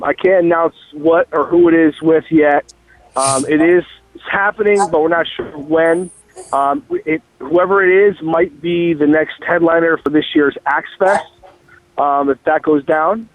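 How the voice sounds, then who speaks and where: A man's voice: on the high side, steady tone, normal speed, no echo. A man calling in on a car speakerphone while driving, talking as a musician guest in a loose, rambling, profane way with lots of fillers. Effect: car speakerphone call. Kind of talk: casual phone interview. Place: in a moving car. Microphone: phone on speaker. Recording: tinny dry phone line.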